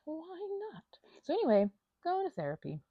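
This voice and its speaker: This audio channel creator has a high voice with huge pitch swings and a moderate pace; the recording has no room sound and is dull. While finger painting, she improvises a scattered, playful, self-deprecating ramble that trails into tangents and asides and at times falls to a near whisper.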